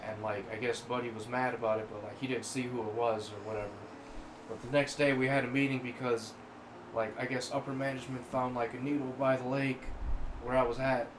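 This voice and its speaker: A man's voice: mid-range voice, flat delivery, brisk, roomy sound, noisy background. A man co-hosting a podcast, casually telling rambling, crude workplace stories. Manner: rambling crude anecdotes, acts out quoted voices. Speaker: podcast co-host. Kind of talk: casual storytelling chat.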